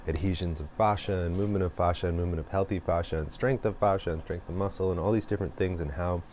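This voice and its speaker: Deep-voiced man musing slowly. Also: fairly even intonation, a little mellow, a little hiss or hum. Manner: slow and meandering, with many pauses and fillers. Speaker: host. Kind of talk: reflective spoken monologue.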